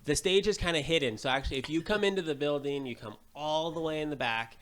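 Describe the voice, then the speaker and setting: A man hosting a podcast interview, upbeat and chatty, with many quick agreements. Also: on the high side, a bit bright. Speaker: podcast host. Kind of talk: casual interview chat.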